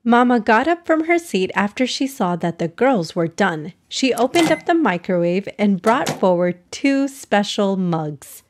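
A woman narrating a children's story in an expressive read-aloud style as podcast host. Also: medium pitch, unhurried, hardly any pauses, noisy background.

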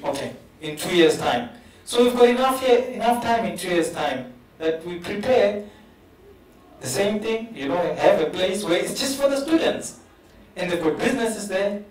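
The voice sits high, with lively intonation at normal speed and a little hiss or hum. It's a South African English-accented professor on a conference panel, earnestly building points through repeated words, speaking into a handheld mic and heard from a distance in a roomy hall.

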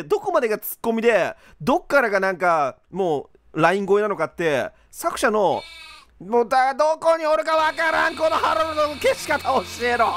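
High-voiced, lively young gamer man. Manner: rough-talking, exasperated ranting with frequent laughter. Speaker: game commentator. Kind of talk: let's play commentary.

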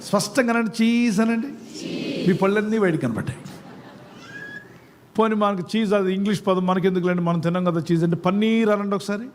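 Over slight background noise, a high-pitched pastor preaches quickly but pauses often, quizzing his congregation and urging spoken answers in a call-and-response style.

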